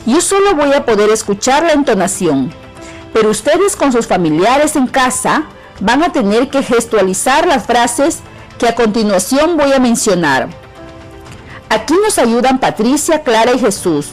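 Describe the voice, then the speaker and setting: A middle-aged woman with a Peruvian accent, a teacher giving a clear, measured lesson on an educational radio program. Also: fairly high pitch, very animated, soft background music, poor audio. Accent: Peruvian Spanish. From Peru. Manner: clear, measured instruction to students.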